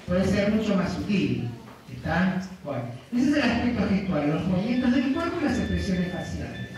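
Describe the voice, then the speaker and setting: A man giving a university lecture, explaining step by step and often checking in with his students. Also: high voice. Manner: explanatory, keeps checking in with the class. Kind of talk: classroom lecture. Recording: very echoey room, distant mic.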